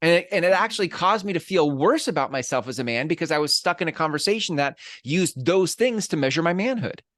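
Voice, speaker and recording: A man's voice: on the high side, expressive, fast, hardly any pauses, fairly bright tone, no echo, clean studio sound. A man co-hosting a podcast in casual conversation, reflective and thinking aloud with restarts. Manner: reflective, talks through his thoughts with restarts. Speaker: podcast co-host.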